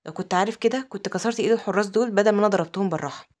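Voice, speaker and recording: A woman's voice: mid-range voice, rapid-fire, a little mellow, close to an everyday voice. A woman with an Egyptian accent voicing a teasing, possessive young nobleman in a recap story. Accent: Egyptian Arabic.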